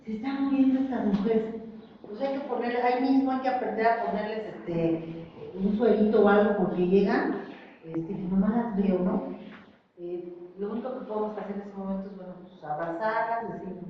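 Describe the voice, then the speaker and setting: Woman in her 40s or 50s telling her story at a group meeting, emotional, slightly high voice, far from the mic in a big echoey room. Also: a little hiss or hum. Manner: emotional, acts out other voices, self-mocking. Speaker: group member sharing testimony. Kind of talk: personal testimony at a support group. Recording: echoey hall, distant mic, muffled.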